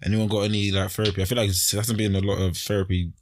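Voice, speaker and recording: A man's voice: fairly low pitch, little pitch movement, racing, a little hiss or hum. A young man with a London roadman accent, chatting casually as a podcast host in slangy street talk. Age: young adult.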